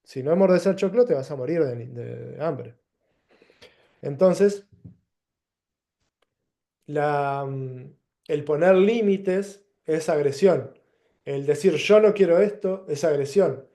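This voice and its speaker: A man with a Rioplatense Spanish accent giving a reflective lecture, pausing and restarting as he works through plain examples. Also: a little high, gravelly, mellow. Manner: thoughtful, pauses and restarts, gives plain examples. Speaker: teacher.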